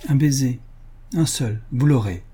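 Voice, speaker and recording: A man reading aloud voices a playful young girl in love, in a teasing, lively way. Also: mid-range voice, a little slow, slightly rough.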